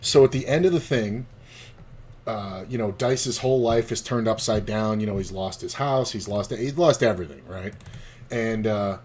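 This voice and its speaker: A man streaming online poker chats casually in a lowish, darkish voice at a moderate pace. His commentary is rambling, profane and laid-back, like relaxed storytelling.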